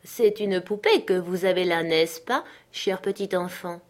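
A woman's voice: on the low side, unhurried, natural voice. A woman reading a smarmy plump old dignitary. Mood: wheedling. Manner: honeyed and cajoling toward the girl, harsh and scolding toward the boy. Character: plump middle-aged male dignitary, unctuous and irritable. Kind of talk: audiobook character reading.

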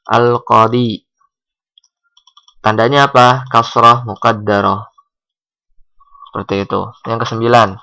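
A man teaching Arabic grammar, asking questions and answering them himself, with drawn-out example readings. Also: medium pitch, sharp tone, rough recording. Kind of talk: recorded grammar lesson.

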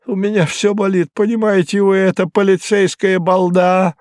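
Man doing a hoarse, scared, surly drunk. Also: high-pitched, level tone, normal speed, no room sound, clean studio sound, pitched above the performer's own voice, natural voice. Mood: furious. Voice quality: hoarse, rasping. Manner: sullen, then bursting into shouts. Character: frightened, beaten, surly hard-drinking man.

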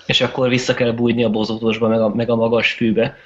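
A man's voice: mid-range voice, flat delivery. A man co-hosting a podcast, chatting eagerly about a game, with hesitant restarts. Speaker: podcast co-host. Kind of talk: casual chat. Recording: dull lo-fi recording.

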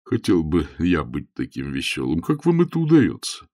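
A man's voice: very deep voice, huge pitch swings, normal speed, warm tone, no echo, studio quality, exaggerated voice. A man reading an audiobook voices a troubled, pompous elderly bishop who sighs over his troubles and quotes scripture. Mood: rueful. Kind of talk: audiobook character voice.

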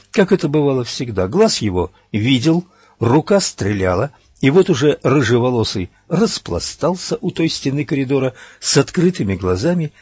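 Husky low male audiobook narrator. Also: dry recording. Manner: steady dramatic reading.

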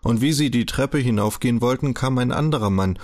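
A man reading a novel aloud as an audiobook narrator, telling the story in a measured, even way. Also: medium pitch.

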